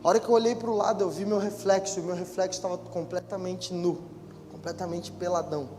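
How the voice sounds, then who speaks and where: A young man with a Brazilian Portuguese accent preaches a sermon in a high, light voice. He shifts between loud exhortation and a quiet, intimate storytelling tone. The sound carries the long reverb of a church hall, with soft music playing underneath. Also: fairly even intonation, fairly quick. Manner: preaches loudly at first, then tells a story in a quiet, intimate voice. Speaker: pastor.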